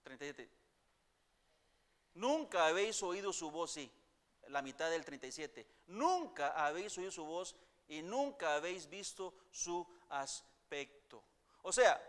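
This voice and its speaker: Slow, high-voiced man preaching in a reverberant church. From Costa Rica. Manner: dramatic swings from loud declaiming to hushed near-whispers; repeats phrases for emphasis, addresses the congregation as brothers. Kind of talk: sermon.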